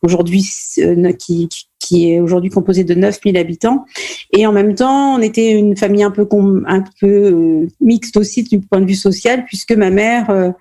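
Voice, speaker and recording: Answering interview questions with care, a middle-aged French woman from Normandy who writes plays and directs for the stage often stops and starts over. She speaks in a mellow, mid-range voice with a steady tone.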